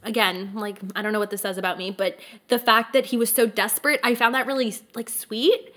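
A young woman co-hosting a casual book podcast, her voice a touch higher than average. She explains things patiently and earnestly, and her voice drops soft and low when she muses aloud. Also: fairly even intonation, brisk. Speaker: podcast co-host.

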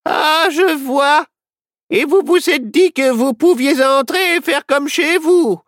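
A gruff old woman who scolds and grumbles in a shrill, up-and-down voice, as a woman reading a storybook puts her on. Her lines are drawn out and clipped at the ends, recorded dry and close to the mic. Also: sing-song, slow pace, no room sound, heavily acted. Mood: grumbling.

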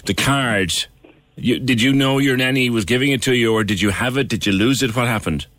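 A man's voice: mid-range voice, fairly quick, fairly bright tone, no room sound. A man with a Cork accent hosting a radio talk show in a conversational interviewing style.

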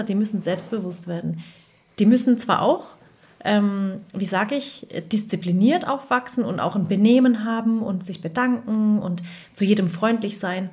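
A woman in her thirties, a dubbing voice actress and mother, chatting casually and telling lively stories with acted-out quotes. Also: medium pitch. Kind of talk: casual chat.

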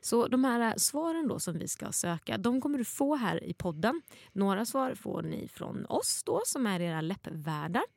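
A woman's voice: on the high side, very animated, vocal fry, no room sound, clean studio sound. A middle-aged woman from Småland, co-hosting a podcast in a casual, informal and wordy chatting style. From Småland, Sweden. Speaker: podcast co-host.

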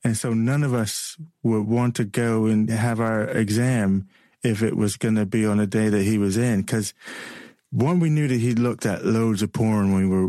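A man with a transatlantic accent hosting an internet radio show, chatting and rambling in a relaxed way with frequent laughs. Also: on the low side, no echo, studio quality. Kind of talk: casual on-air banter.

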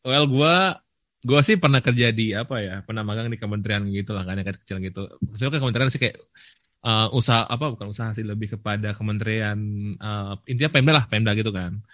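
A young man, co-hosting a podcast in relaxed, rambling chat mixed with English phrases. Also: fairly low pitch, quick pace, no room sound. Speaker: podcast co-host. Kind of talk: casual chat.

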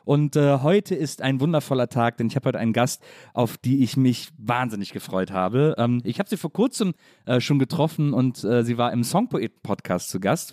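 A man hosting a casual podcast conversation, talking in a relaxed, chatty way with many fillers. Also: mid-range voice, no room sound, studio quality. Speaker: podcast host.

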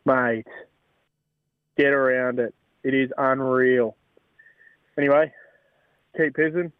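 A man's voice: mid-range voice, steady tone, takes it slowly, no echo. An Australian man leaving a casual, ranting voice message in a blokey, sweary manner like an Aussie tradesman. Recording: dull lo-fi voice message.

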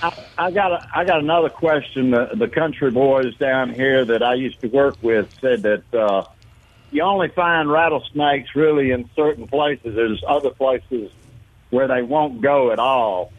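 A man's voice: mid-range voice, unhurried. Man calling in over the phone. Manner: folksy and hesitant, with many ums. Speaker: radio call-in caller. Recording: narrow telephone line.

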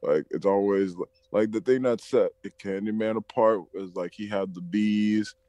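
A man with a fairly low voice talks loosely on a podcast call, his sentences full of "like" and "bro". The sound is dry and close, and at times the line makes his voice sound robotic. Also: moderate pace, warm tone, dry recording. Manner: rambling, heavy on "like" and "bro". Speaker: podcast co-host. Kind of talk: casual chat. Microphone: phone call.

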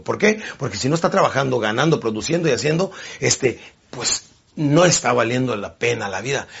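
Gravelly motivational speaker, lively. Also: male voice, a little high, dull audio. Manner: animated, acts out quick character voices. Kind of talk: motivational seminar talk.

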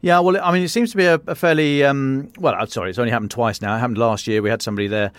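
A British man hosting a podcast interview, conversational and halting, often repeating his words. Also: medium pitch, fairly even intonation, no echo. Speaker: podcast host.

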